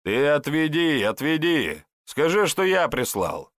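A man's voice: a little high, big pitch swings, unhurried, dry recording, studio quality, voice pushed up. Man doing a mocking, bossy kitchen-yard man. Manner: mocking, bossy, shouting orders. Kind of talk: audiobook character voice.

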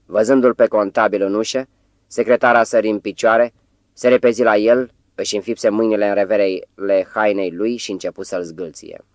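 A man reading a novel aloud as audiobook narrator, measured storytelling. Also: lowish voice, steady tone, darkish tone, no echo. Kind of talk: scripted narration.

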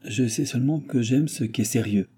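A man's voice: mid-range voice, fairly quick, warm tone, slightly rough, voice pushed up, close to an everyday voice. A man voicing a serious, reserved young noblewoman who answers curtly, in an audiobook. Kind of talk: audiobook character voice.

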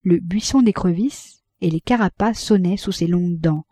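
Dark-voiced woman reading a novel. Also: lowish voice, slightly rough, no room sound, studio quality. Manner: measured, even reading. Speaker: audiobook reader. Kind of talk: scripted narration of a classic novel.

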